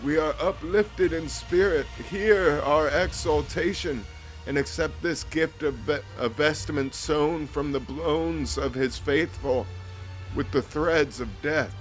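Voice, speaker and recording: A man's voice: a little high, takes it slowly, voice pushed up, poor audio. A man voicing a withered, solemn cult vizier from a video game, proclaiming grandly and ceremonially over music. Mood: reverent, exalting. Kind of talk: video game dialogue read aloud.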